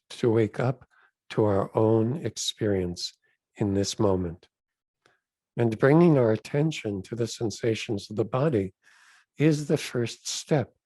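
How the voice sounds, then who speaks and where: Speaking as a rabbi, a man guides a meditation in a mid-range voice, giving every instruction gently and with deliberation. Short phrases are separated by pauses, and no room sound can be heard.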